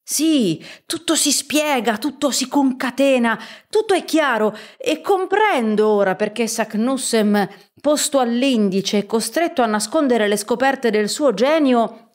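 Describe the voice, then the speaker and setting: A woman's voice: fairly high pitch, a little slow, hardly any pauses, voice pushed up, close to an everyday voice. Woman reader as impatient eccentric professor, audiobook, eager exclamations. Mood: excited.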